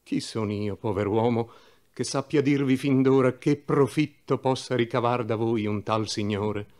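A man voicing an elderly, gentle and loving cardinal who speaks in impassioned, pleading oratory. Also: mid-range voice, measured pace, close to an everyday voice. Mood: fervent.

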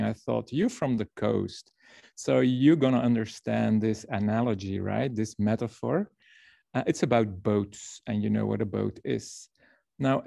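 A man from Belgium presents to a workshop over a video call, with a gravelly, dark voice. He explains and tells a story at length, repeating words now and then. The sound is dry and close. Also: lowish voice, dry recording.

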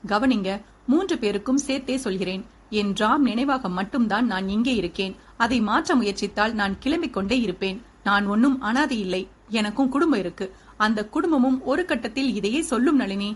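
A woman voicing a gentle, coaxing elder man. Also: a little high, moderate pace, breathy edge. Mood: coaxing, serious. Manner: calm, coaxing. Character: kindly older brother figure, gentle persuader.

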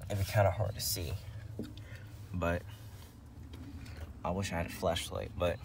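In and around a parked truck, a man vlogs about his CB radio setup in a casual, hands-on walkthrough. He speaks low and creaky with a level tone at a measured pace, rambling hesitantly and repeating himself. It's a noisy handheld recording carrying vehicle ambience.

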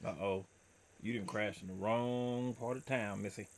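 A man's voice: on the low side, moderate pace, slight background noise. A man in his thirties hosting a casual, slangy reaction video at home, talking about himself in the third person. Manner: slangy and excitable. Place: small room at home.

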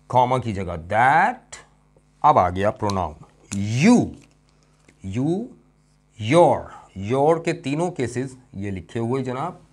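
A middle-aged man teaches a classroom grammar lesson at a slow, deliberate pace, with a pitch that sits in an ordinary middle register. He breaks each point into steps, keeps asking his students questions and stretches out the key words. His tone is patient and emphatic. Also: darkish tone. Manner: explains step by step with questions to students. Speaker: English teacher.

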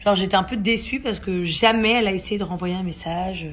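A woman's voice: medium pitch, a little fast. Chatty young woman telling a story. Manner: chatty, many hesitations, animated retelling with quoted dialogue. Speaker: mother of the family, vlog host. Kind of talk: casual storytelling to camera.

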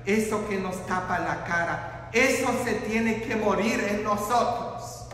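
Impassioned priest preaching in echoing church. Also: male voice, sits high, takes it slowly, fairly bright tone, a little hiss or hum. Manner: impassioned preaching with rhetorical questions. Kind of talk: sermon. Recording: echoey church with long reverb.

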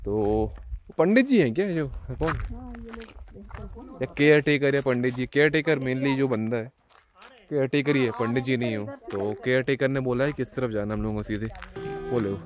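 A man in his thirties, a travel vlogger, talking casually to a camera he holds at arm's length as he walks a hill path and crawls into a narrow dark cave. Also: mid-range voice, moderate pace, over music. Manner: chatty, talks to the camera while walking. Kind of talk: casual travel vlog narration. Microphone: handheld camera at arm's length.

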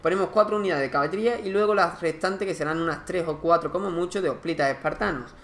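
Man, gaming commentator; higher-pitched, chatty, thinks aloud. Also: fast talker, a bit bright, slight background noise. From Spain. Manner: chatty, thinking aloud, counting units and resources. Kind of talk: casual let's-play commentary.

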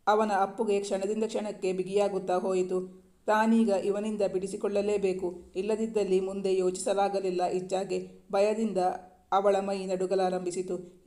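A man narrating a romance novel in a steady, measured reading style. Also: sits high. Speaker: story narrator. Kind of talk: scripted storybook narration.

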